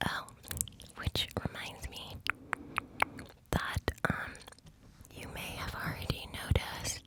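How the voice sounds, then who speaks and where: A woman whispering a rambling, hesitant ASMR monologue in a breathy cupped-hand whisper, very close to studio microphones. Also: slow. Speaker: ASMR video host. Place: home studio room. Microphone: studio condenser mics with foam cover, very close.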